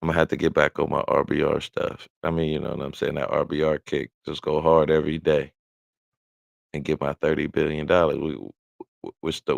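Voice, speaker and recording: Gravelly deep-voiced man chatting on a live stream. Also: no echo. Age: middle-aged. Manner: rambling, self-interrupting, laughing often. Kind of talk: casual live stream chat.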